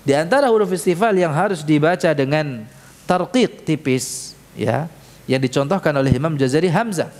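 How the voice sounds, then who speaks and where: A man teaching correct Quran letter pronunciation in a mosque, speaking slowly and patiently and leading the class in repeating sounds. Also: a little high, expressive, darkish tone. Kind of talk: tajwid lesson in a mosque. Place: mosque prayer hall. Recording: reverberant hall, faint room noise.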